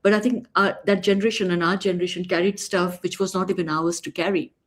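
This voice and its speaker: A woman's voice: fairly low pitch, fairly even intonation, fast. A woman hosting a podcast interview, speaking with empathy and asking long, winding questions. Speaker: podcast host. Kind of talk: interview conversation.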